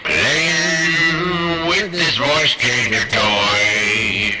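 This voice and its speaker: A man's voice: medium pitch, drawn-out words, loud music behind the voice. A man doing a goofy morphing voice-changer singer. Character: silly man singing through a voice changer toy. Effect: voice changer toy making a silly morphing voice. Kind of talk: comedy rap parody song. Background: loud hip hop beat.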